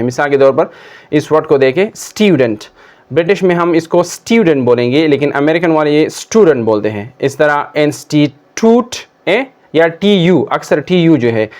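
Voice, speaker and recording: A man teaching pronunciation in a slow, deliberate classroom manner, modeling words one by one and checking in with "okay". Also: a little high, a little mellow. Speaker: English teacher. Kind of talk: classroom lesson explaining pronunciation.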